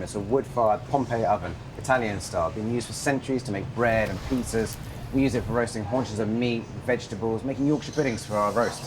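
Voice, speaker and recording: A man's voice: medium pitch, background noise. Man giving a kitchen tour. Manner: descriptive, guiding. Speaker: restaurant cook. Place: restaurant kitchen. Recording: kitchen ambience behind.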